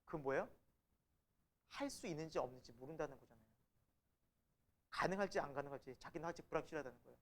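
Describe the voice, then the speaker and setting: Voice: medium pitch, quick pace, long pauses. A preacher giving a Bible lecture in a church, asking the congregation questions and answering them, and acting out the people quoted. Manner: acts out the quoted speakers in lively voices. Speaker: preacher teaching a Bible class.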